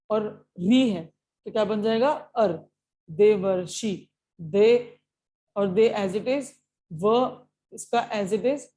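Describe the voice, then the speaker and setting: A woman's voice: medium pitch, mellow. A woman with an Indian accent teaching an exam-prep lesson, explaining step by step and checking in often with her students.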